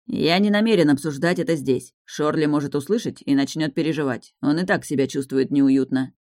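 A woman's voice: deep voice, brisk, a little mellow, no room sound, clean studio sound, lightly acted. A woman voicing a stern, weary young duke who speaks in cold, clipped tones. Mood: stern, steely.

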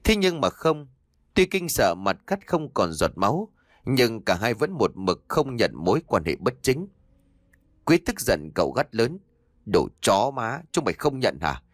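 Expressive male audiobook narrator. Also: medium pitch, a little slow, no echo, clean studio sound. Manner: expressive, dramatic reading. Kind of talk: scripted audiobook narration of a ghost story.

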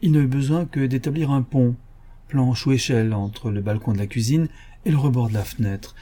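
A man voicing a calm, self-assured gentleman detective in an audiobook, explaining his reasoning in a slightly dogmatic tone. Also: mid-range voice, brisk, lightly acted. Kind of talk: audiobook character reading.

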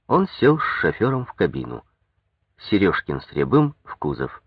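A man narrating a story in a steady, measured reading on a close mic. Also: on the low side, gravelly, slightly rough, no echo. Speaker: audiobook narrator. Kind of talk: scripted narration.

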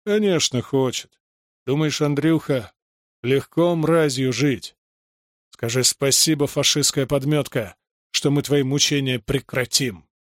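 A man's voice: medium pitch, unhurried, no echo, studio quality, lightly acted. A man reading aloud, voicing a stout wartime soldier who mocks and scorns in a crude way. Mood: scornful. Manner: mocking, scornful.

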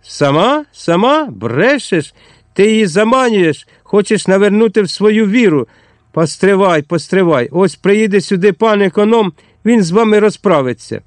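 Man reading cowardly blustering innkeeper, shrill high voice, bullying, dry recording. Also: expressive, normal speed, no echo. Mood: blustering threats. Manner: shrill, bullying, turns to pleading panic.

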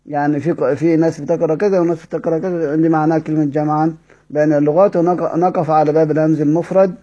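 A high-voiced man with an Egyptian Arabic accent teaches a class on Quran recitation. He asks his students questions as he explains and drags out the example words in a slow chant. His tone is mellow and the recording sounds a little dull. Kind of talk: lesson explaining a text.

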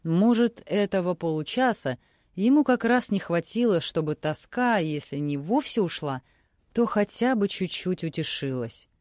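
A woman narrating an audiobook novel in a measured, expressive reading. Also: on the low side, no room sound, clean studio sound. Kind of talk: scripted narration.

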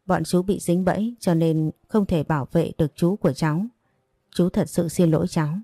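A woman's voice: on the low side, moderate pace, no room sound, clean studio sound. A woman voicing a grave soldier bearing bad news. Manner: grave, apologetic, steady.

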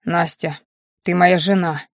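Woman voicing a low, hushed werewolf husband. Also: fairly even intonation, unhurried, dry recording, studio quality, lightly acted. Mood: quiet. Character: possessive male werewolf husband, domineering.

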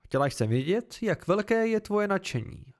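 A fierce, blunt swordswoman who scolds and crows over her student, as a male reader puts her on. Her voice sits higher than the narrator's and swings widely in pitch. It sounds like an amateur storybook reading. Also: sing-song. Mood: frank.

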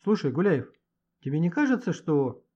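A man's voice: on the high side, big pitch swings, moderate pace, dark tone. A man reading an audiobook and voicing a cocky, boastful teenage boy with a brash, mocking manner. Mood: scheming. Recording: dull lo-fi audiobook recording.

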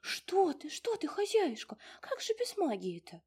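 A woman's voice: very high voice, huge pitch swings, unhurried, darkish tone, voice pushed up, full character voice. A woman voicing a fussy little house-spirit granny. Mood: fussing. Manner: folksy, doting, exclamatory.

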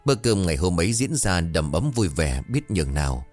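A man narrating a folk ghost story in a lively storytelling manner. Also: deep voice, a little fast, soft background music.

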